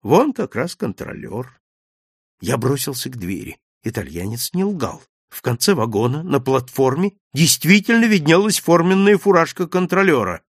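Expressive male audiobook narrator. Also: a little high, moderate pace, hardly any pauses, no room sound, studio quality. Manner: expressive, dramatic storytelling. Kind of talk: first-person literary narration.

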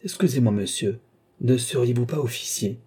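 A man's voice: medium pitch, normal speed, a little mellow, slightly rough. A man voicing a confident, talkative cavalry captain who speaks with polite military assurance in a read-aloud story. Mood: courteous, assured.

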